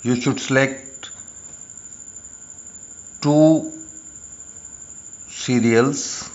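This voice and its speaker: A man who speaks as a narrates an instructional video as a presenter, speaking deliberately in short phrases with pauses. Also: mid-range voice, steady tone, a little mellow, lo-fi sound. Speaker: lottery tips presenter.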